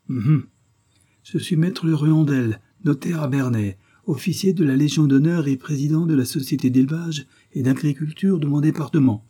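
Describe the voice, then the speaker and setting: A haughty, hard-of-hearing old notary speaks in a thin, fluting voice pitched well up, as a male reader puts him on. He is stiff and self-important. The voice is husky and dark-toned. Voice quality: reedy, fluting. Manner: pompous, stiff.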